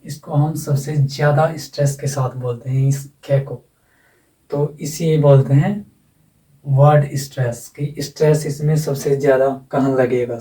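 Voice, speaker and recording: A man teaching English phonetics in a slow classroom lecture, repeating words and checking that students follow. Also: fairly high pitch, warm tone. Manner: explains slowly with repetition and asides. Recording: echoey room, from far off.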